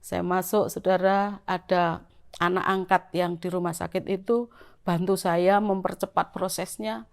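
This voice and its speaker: A middle-aged woman with a Javanese-influenced Indonesian accent, telling her church testimony to the congregation in a lively storytelling way. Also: on the low side, unhurried, creaky. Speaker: church member giving testimony.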